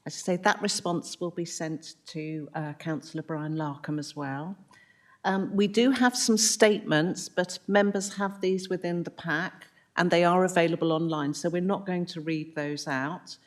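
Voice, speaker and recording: A woman's voice: on the low side, normal speed. A woman with a British accent formally chairing a committee meeting. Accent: British English.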